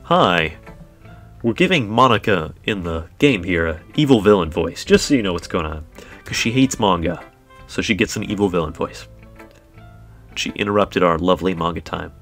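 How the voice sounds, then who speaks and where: A man with a low, husky voice hosts a casual let's play, greeting and teasing his chat in playful banter. Faint game music plays behind him. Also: animated, moderate pace, a bit bright.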